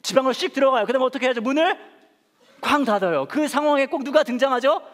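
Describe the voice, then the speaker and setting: A male pastor preaching a sermon, telling stories with lively, acted-out family scenes. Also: fast, in a large hall. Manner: animated storytelling, acting out family quarrels in a high voice.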